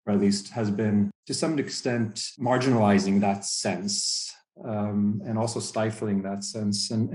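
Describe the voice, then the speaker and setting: A man in his thirties from Sweden answers podcast questions slowly and thoughtfully, often restarting his sentences. His voice sits fairly low and comes through in an echoey room. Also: a little mellow. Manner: thoughtful, hesitant, many restarts. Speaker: podcast guest, researcher. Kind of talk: podcast interview.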